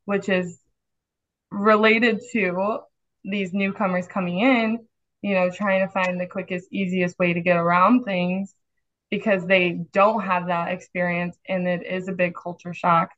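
A woman nurse talks through her work step by step, measured and explanatory. Her voice sits on the low side and stays fairly flat. The recording is dull and lo-fi. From Chicago area, US. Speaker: nurse guest. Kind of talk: casual podcast conversation.

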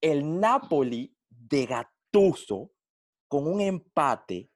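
A man with a slightly high, very animated voice argues football, exasperated and insistent. He repeats his lines to hold the floor. The talk is casual and heated. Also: drawn-out words. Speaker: football debate panelist.

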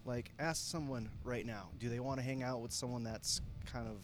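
A man's voice: medium pitch, fairly even intonation, moderate pace, soft background music. A man guesting on a podcast in casual chat, laid-back, with frequent fillers. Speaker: podcast guest, band musician.

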